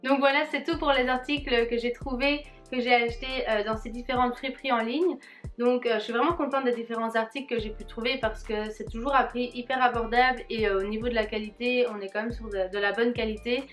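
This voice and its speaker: Young female vlogger, fairly high voice, casual and hesitant, faint music underneath. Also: fairly even intonation, fairly bright tone. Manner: hesitant, with frequent filler pauses; friendly, addressing viewers directly. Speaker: fashion vlogger. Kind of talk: casual try-on haul vlog.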